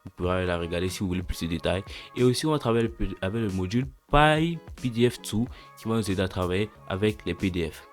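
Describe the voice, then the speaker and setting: Young man, coding tutorial host, low voice, casual and slangy, self-correcting, faint background music. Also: fast, few pauses. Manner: relaxed and slangy, talks through steps aloud and corrects himself.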